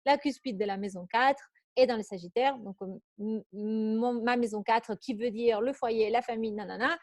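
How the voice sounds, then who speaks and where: An astrology coach with a foreign accent teaches an online astrology workshop in a fairly high voice at a moderate pace. She is chatty, reads out participants' questions and laughs easily. The recording is dry.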